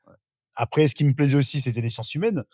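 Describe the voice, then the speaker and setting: A middle-aged man from northern France guests on a podcast, casually sharing his life story with many fillers and restarts. He speaks at medium pitch and a quick pace, his tone warm with a breathy edge, in clean, echo-free studio sound.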